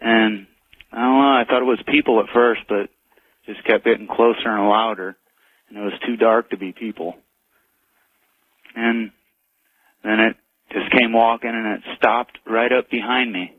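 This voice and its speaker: A man calling in to a radio show, telling an eerie encounter in a halting, plain way over a phone line. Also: lowish voice, steady tone, no echo. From United States. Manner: halting, plain storytelling with pauses. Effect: phone line call-in audio. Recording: dry tinny phone line.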